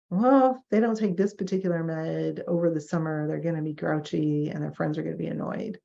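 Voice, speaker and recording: Woman lecturer, low gravelly register, chatty teaching style on a muffled recording. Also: warm tone. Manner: conversational, mimics clients and doctors in quoted asides. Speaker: therapist teaching a professional ethics session.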